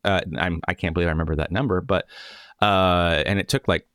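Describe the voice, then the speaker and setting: A man's voice: low voice, fairly even intonation, fairly quick, fairly bright tone, smooth, no room sound, clean studio sound. A man hosting a podcast in casual chat, rambling and correcting himself as he goes. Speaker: podcast host.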